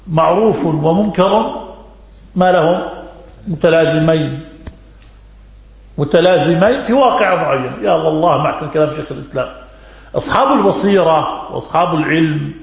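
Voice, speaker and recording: A man giving a religious lesson, answering questions, repeating key words and quizzing his listeners. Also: fairly high pitch. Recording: very echoey room.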